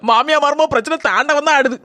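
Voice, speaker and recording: A woman's voice: sits high, fast, pushed and bright, dry recording. Woman voicing a village neighbor, chatty, Kanyakumari Tamil accent, dry close sound.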